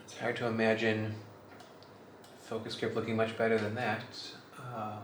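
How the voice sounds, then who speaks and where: A man's voice: lowish voice, completely flat delivery, normal speed. A man talking casually and a little hesitantly as he works through an observing task, thinking aloud. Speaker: astronomy observer. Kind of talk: casual vlog talk while working. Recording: echoey room with faint background noise.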